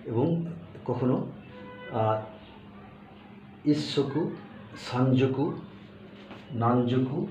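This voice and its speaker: A man teaching a language lesson, explaining step by step and repeating each word slowly, with fillers. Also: mid-range voice, darkish tone. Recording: echoey room, far from the mic, dull with faint hiss.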